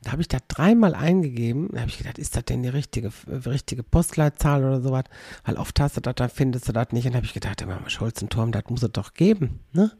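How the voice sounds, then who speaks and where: Gravelly man rambling wryly. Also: mid-range voice, fast, mellow, dry recording, clean studio sound. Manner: rambling and wry, mimicking pronunciations. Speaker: podcast host. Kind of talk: casual monologue.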